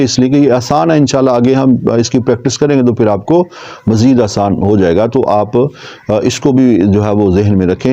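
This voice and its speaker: A man teaching Quran pronunciation in a patient lesson, slowly repeating paired letter sounds for practice. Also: medium pitch, dark tone, lo-fi sound. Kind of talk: tajweed lesson.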